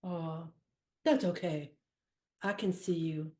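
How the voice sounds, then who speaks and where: In an improv scene, a woman plays a wistful female teddy bear who sits unsold and longs to be bought. Her lowish, darkish voice is slow and fairly even in intonation, while her delivery is dramatic, fond and coaxing.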